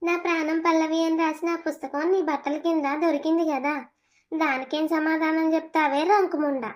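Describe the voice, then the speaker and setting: A woman's voice: high-pitched, level tone, a little fast, natural voice. A woman voicing a cruel mother-in-law who scolds and insults in a cartoon drama. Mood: scolding. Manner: scolding, abusive.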